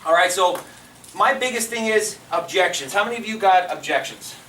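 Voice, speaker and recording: High-voiced man training a roomful. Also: animated, moderate pace, pushed and bright. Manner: loose, filler-heavy, keeps asking the room to agree. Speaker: team trainer. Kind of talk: live motivational training talk. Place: meeting room before an audience. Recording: roomy sound from far off the mic with faint noise.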